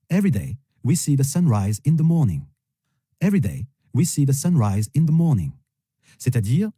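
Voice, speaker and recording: Guy teaching words, says each one three times, husky voice, lively pitch. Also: no room sound. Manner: slow, repeats each word three times. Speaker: English teacher. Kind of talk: vocabulary lesson, repeating words.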